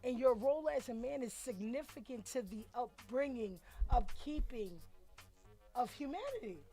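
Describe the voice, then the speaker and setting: A woman's voice: a little high, lively intonation, warm tone. Earnest woman leaving a voice note. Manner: earnest, halting, speaks with conviction. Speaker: caller. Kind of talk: voice note to a talk show. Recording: music playing underneath.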